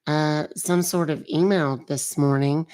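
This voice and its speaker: Guy doing a confused old lady voice, calls everyone dear, real slow. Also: a little high, fairly even intonation, darkish tone, clear, resonant tone, pitched above the performer's own voice, close to an everyday voice. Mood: polite confused. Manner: slow, hesitant and apologetic, calls people dear. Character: polite, confused elderly woman phoning for a refund. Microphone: phone call.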